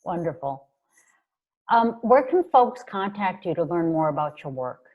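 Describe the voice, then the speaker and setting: Lady festival host on a dull lo-fi video call, lowish voice, lots of mm-hmms. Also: animated, measured pace. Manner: encouraging, brief affirmations. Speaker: festival interviewer.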